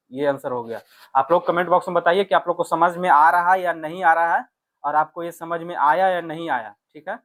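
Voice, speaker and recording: A man with a high, fairly bright voice gives an exam maths lesson, breaking down worked questions step by step. He regularly checks in with his viewers through brief tag questions.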